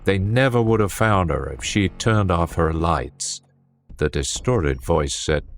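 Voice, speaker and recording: A man narrating a horror story with a tense, dramatic reading. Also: sits low. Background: faint music.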